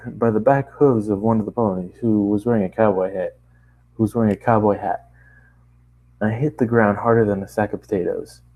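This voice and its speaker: A man's voice: fairly low pitch, warm tone, poor audio. A man casually reading a first-person story aloud, often stopping for asides and restarting lines. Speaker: narrator reading a fan story.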